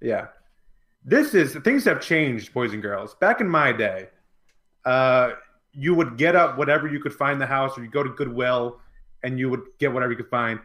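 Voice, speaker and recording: A man's voice: mid-range voice, expressive, normal speed, a bit bright. A man hosting a sports talk podcast, joking and bantering with his co-hosts. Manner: showman intro, then joking banter. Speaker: podcast host. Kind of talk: casual sports talk chat.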